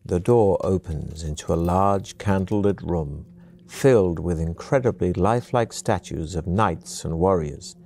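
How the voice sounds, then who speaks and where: A man giving steady, measured second-person scripted narration for an adventure game. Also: low voice.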